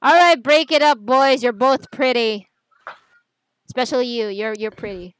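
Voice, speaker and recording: A young woman acting out a brash teenage girl at a hero academy, with a high, bright voice. She teases, threatens and bosses her classmates around in a fan role-play podcast. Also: clean tone, close to an everyday voice, poor audio. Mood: teasing. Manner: loud, teasing, quick to threaten.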